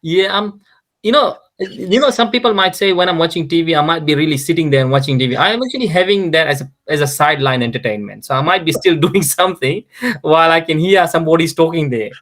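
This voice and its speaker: Male, Fiji Indian accent, slightly higher-pitched voice, informal storytelling guest who chuckles often. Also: expressive, fast, fairly bright tone. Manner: chuckles often while talking. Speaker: interview guest. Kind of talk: casual chat, telling anecdotes.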